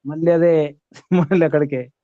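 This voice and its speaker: A man's voice: a little high, steady tone, moderate pace, dry recording. Emphatic male teacher, dull recording. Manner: asks many rhetorical questions, emphatic. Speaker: spiritual teacher. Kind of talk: discourse with questions to students.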